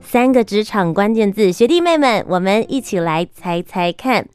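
A woman's voice: mid-range voice, expressive, moderate pace, background noise. A woman hosting a show and interviewing a guest in a presenter's style. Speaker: host.

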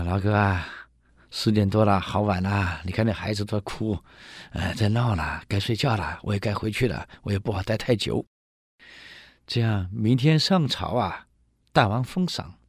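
A man's voice: fairly low pitch, dry recording, studio quality. A man voicing a sly, self-pitying male court strategist who sighs and wheedles. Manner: wheedling, sighing.

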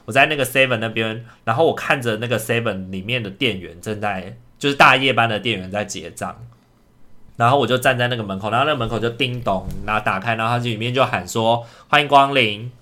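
A young man co-hosting a podcast, telling a personal story in a casual, animated way and acting out the quoted lines. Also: medium pitch, fast talker. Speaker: podcast co-host.

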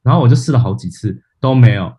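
A man's voice: medium pitch, fast talker, breathy edge. A man co-hosting a podcast, casually telling a funny story about himself, laughing at his own mishaps and acting out what people said. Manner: animated storyteller, laughs at himself, acts out quotes. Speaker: podcast co-host.

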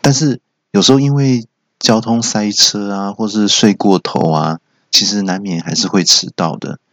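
A man hosting a solo comedy show, telling jokey stories and jumping into shouted character quotes. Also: fairly low pitch, moderate pace, no echo. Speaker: comedy podcast host. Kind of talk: solo stand-up storytelling. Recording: dull lo-fi recording.

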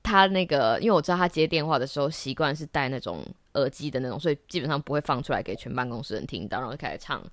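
A woman hosting a podcast, telling a story in a casual, animated way, laughing often and slipping into English phrases. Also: extremely low pitch, very fast, hardly any pauses, no room sound, clean studio sound. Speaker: podcast host. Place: office during lunch break.

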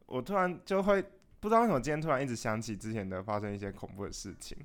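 A man's voice: mid-range voice, rapid-fire. Teasing man in banter. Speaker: podcast co-host. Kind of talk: casual chat.

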